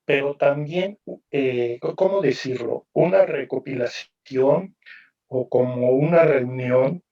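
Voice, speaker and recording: Slow, musing man, distant on a call. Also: mid-range voice, muffled recording. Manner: reflective, musing, frequent tag questions. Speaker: novelist guest presenting his book. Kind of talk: literary panel talk. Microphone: video call.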